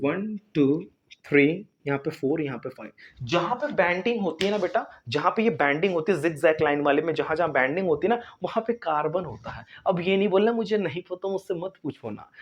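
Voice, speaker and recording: Man teaching chemistry, chatty and coaxing, lo-fi sound. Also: sits high. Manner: chatty, coaxing, calls students "beta", mimics students' replies. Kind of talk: casual online lesson. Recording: slightly dull lo-fi recording.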